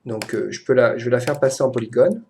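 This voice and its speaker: Gravelly, mellow-voiced French man teaching software. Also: mid-range voice, fast talker, a little hiss or hum. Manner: chatty, hesitant, many fillers, addresses a friend. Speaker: 3D software tutor. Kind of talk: casual screen-recorded software tutorial.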